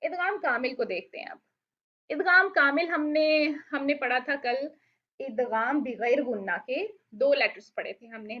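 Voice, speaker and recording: A woman teaching Quran recitation rules, patiently explaining and asking questions she then answers herself, with slow drawn-out recited verses. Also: sits high. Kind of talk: online tajweed lesson. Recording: dull lo-fi audio.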